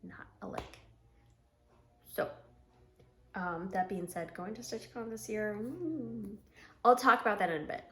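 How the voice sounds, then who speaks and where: A woman in her forties chatting casually to camera about her stitching, rambling with frequent ums and throat clearing. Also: medium pitch, expressive, measured pace, long pauses, a bit bright, slight background noise. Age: 40s. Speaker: stitching vlogger.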